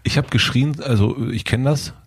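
A man hosting a casual podcast conversation, calm and hesitant, with many fillers. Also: mid-range voice, moderate pace, husky. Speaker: podcast host. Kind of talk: casual chat.

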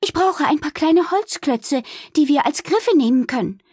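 A woman's voice: high-pitched, lively intonation, normal speed, dry recording, clean studio sound, voice pushed up. A woman voicing a worried, motherly innkeeper who talks urgently and emphatically.

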